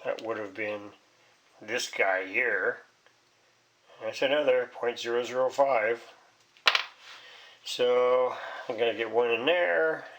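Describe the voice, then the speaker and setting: A hobbyist fixing a vintage radio talks slowly through the repair, thinking aloud in a rambling, hesitant, folksy way at an average male pitch. The homemade recording is muffled and a bit bright, with some background noise and small clicks.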